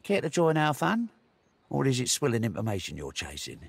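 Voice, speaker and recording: Rough coarse pirate dude, gravelly husky voice, bounces all over. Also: male voice, mid-range voice, huge pitch swings, brisk, exaggerated voice. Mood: sly. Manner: gruff, coarse and teasing. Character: crude swaggering pirate man at a tavern. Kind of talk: video game voice acting.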